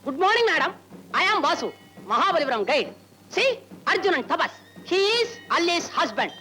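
A man's voice: very high-pitched, big pitch swings, drawn-out words, sharp tone, faint music behind, full character voice. An actor playing a poor, wisecracking male tour guide in an old film comedy, rambling with mock English. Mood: mock guiding. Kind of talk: 1960s film comedy acting.

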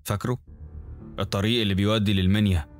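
A man voicing a courteous, mysterious engineer in his fifties with an Egyptian Arabic accent, calm and knowing. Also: lowish voice, fast, soft background music, lightly acted. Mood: polite. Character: smiling middle-aged male engineer, polite and mysterious.

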